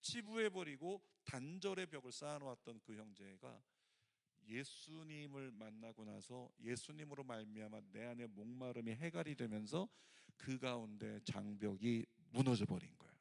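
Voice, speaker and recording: A middle-aged male pastor preaching a sermon, telling a story with lively acted-out quotes. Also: mid-range voice, normal speed, creaky. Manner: animated storytelling, acts out quoted voices.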